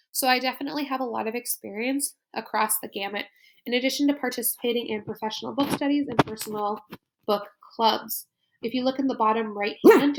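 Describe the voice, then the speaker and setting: A woman school librarian narrating a slide presentation in an upbeat, explanatory way. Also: fairly high pitch.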